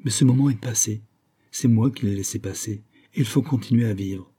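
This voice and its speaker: A resigned, gentle young woman of means who has given up, read by a man in his own dark, husky voice. She speaks softly, as in an audiobook reading. The tone stays low and mellow throughout. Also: brisk.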